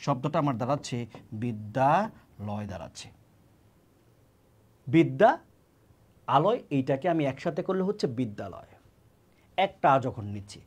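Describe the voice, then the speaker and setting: Man, grammar teacher, exam-prep lesson, fairly high voice, repeats key words. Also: very animated, brisk, long pauses, husky. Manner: repeats key words and asks then answers his own questions.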